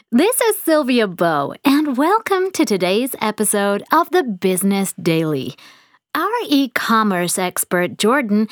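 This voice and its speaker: Actress as female business radio presenter: polite, inquisitive, fairly high, animated voice, scripted interview. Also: no room sound, clean studio sound.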